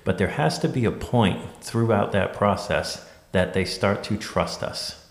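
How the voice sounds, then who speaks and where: A man's voice: fairly low pitch, a little slow, vocal fry. A man who runs a wedding venue, talking casually and telling stories in a group discussion. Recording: echoey room.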